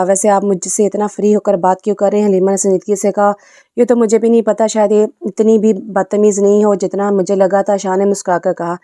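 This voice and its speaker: Woman, novel narration, steady reading, dark tone, dry close recording. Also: mid-range voice, no echo. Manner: even, steady reading with small slips and restarts; voices every character in her own voice. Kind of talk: reading an Urdu romance novel aloud.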